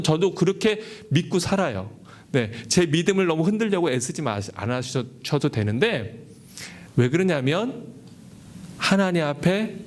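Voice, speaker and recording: A man preaching a sermon as pastor, earnest and asking his congregation questions. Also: high-pitched. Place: church service held in a cinema hall.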